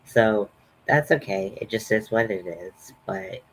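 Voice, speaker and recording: A man with a slightly low voice hosts a casual makeup tutorial. He speaks very slowly, rambling and poking fun at himself. Faint noise sits behind his voice. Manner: rambling, self-deprecating. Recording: noticeable background noise.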